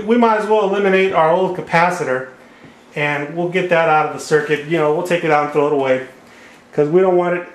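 Man explaining wiring at a whiteboard. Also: on the high side. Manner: plain step-by-step explaining while drawing. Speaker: HVAC repair instructor. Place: indoor room at a whiteboard table. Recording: echoey room sound.

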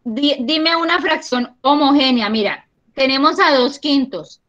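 A woman teaches a children's math lesson over a video call, her voice high and her pace unhurried. She is patient and encouraging and counts aloud step by step. The call audio sounds dull and lo-fi. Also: a bit bright. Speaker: primary school math teacher. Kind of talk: online class. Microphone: computer mic on a video call.

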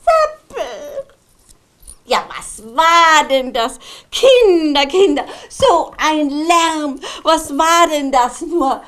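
A woman's voice: high voice, lively intonation, slow pace, hardly any pauses, fairly bright tone, full character voice. A woman with an Austrian German accent voicing Kasperl, a merry male puppet jester, chatting to the children in a puppet show. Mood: excited. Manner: chatty, talks to the children in the audience.

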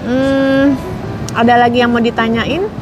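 Talking through a clip-on lapel mic, this Indonesian vlogger in her forties responds to viewers' comments while out on a city street. Her fairly high voice is steady and a little slow, sprinkled with many fillers. Street noise can be heard in the background.

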